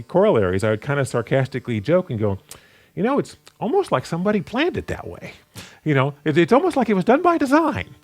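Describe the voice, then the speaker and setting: A man giving an unscripted Bible study sermon, often repeating words and restarting his sentences. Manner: animated pitch, rising sharply for emphasis. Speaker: Bible teacher.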